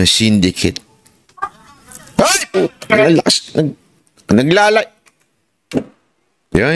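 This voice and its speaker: A man giving casual political commentary on a live stream, mocking and rhetorical, always asking his listeners whether he is right. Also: no room sound. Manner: mocking and sarcastic, with sharp jumps in pitch.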